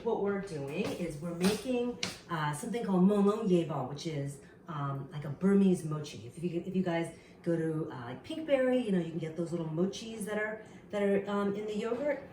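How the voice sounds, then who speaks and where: A woman's voice: on the low side, normal speed. Mother talking in an echoey kitchen. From Burma. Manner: warm explaining to schoolchildren, chatty with fillers. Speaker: mother showing family cooking. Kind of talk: casual home video narration. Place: home kitchen. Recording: echoey kitchen, camera far off, noisy.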